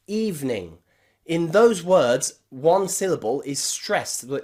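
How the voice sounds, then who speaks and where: A man teaching an English pronunciation lesson to camera, repeating sounds slowly and clearly and checking in with his viewers. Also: on the high side.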